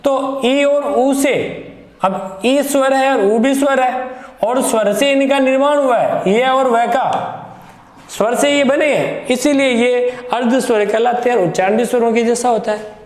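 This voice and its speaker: A man teaching Hindi grammar for exam preparation, slowly and emphatically, repeating key terms. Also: very high voice. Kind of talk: exam-prep grammar lesson. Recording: echoey room with long reverb.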